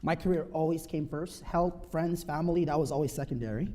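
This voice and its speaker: Speaking earnestly and emphatically to an audience, a Filipino man in his thirties gives a personal talk, often checking in with a quick "right?". His voice is slightly high and warm.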